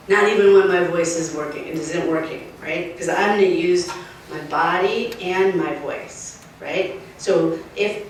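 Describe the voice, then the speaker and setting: A woman urban wildlife specialist giving a lively, emphatic outdoor talk, often checking in with her listeners. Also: mid-range voice. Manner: lively, emphatic, keeps asking the crowd "right?". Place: outdoors at a nature center. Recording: echoey, distant, faint noise.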